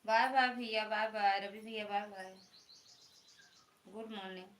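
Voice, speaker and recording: Loud-talking Awadhi woman live-streaming from home. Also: medium pitch, steady tone, unhurried, echoey room. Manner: greets viewers with religious salutations, talks loudly. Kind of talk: casual live-stream chat with viewers. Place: indoors at home, in a room.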